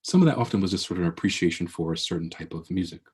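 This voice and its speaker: Low husky man giving an earnest keynote. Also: expressive, rapid-fire, a little mellow. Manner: earnest, preacherly, with many restarts. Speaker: keynote speaker. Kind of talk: motivational keynote talk.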